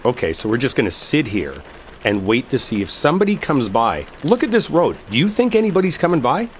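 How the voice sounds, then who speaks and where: A man acts one side of an argument in a roleplay audio drama, playing a sarcastic, exasperated character stuck with a coworker he can't stand. His medium-pitched voice is brisk and lightly acted, insistent and heated, with swearing. Steady rain from a storm fills the background.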